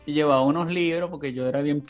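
Man, radio co-host, playful, curious, a bit higher voice, faint guitar behind. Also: steady tone, fast talker. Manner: playful, asks questions, repeats words back. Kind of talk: casual radio chat.

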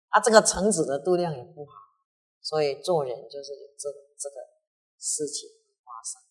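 A woman's voice: sits low, darkish tone, husky. Chatty Taiwanese Mandarin-accented woman teacher. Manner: chatty, with many drawn-out particles. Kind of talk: storytelling lesson on ancient history.

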